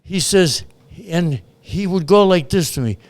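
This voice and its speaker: Here the older guest from Chicago talks a bit slowly in a high-pitched voice, sharing a profane, no-nonsense story from years ago in a casual chat. He imitates the people he quotes.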